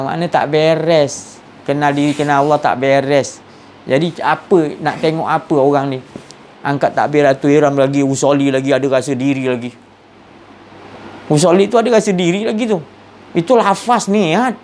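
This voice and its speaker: A man giving an informal religious talk, telling stories with lively sound effects. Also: on the high side. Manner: animated storytelling with sound effects. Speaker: religious teacher.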